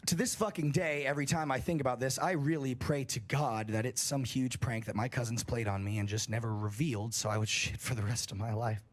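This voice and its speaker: Guy reading a creepy story out loud on stream, raspy husky voice, swears a lot, gets higher when it gets scary. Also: fairly even intonation, brisk, hardly any pauses. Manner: casual and profane, rises in pitch at tense moments. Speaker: livestream host reading a story. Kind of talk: reading a horror story aloud.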